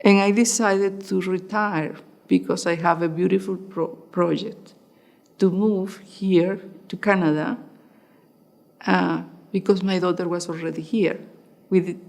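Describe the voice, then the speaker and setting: A woman's voice: fairly low pitch, fairly even intonation, a little slow, vocal fry. An older woman from Venezuela telling her family's story in an oral history interview.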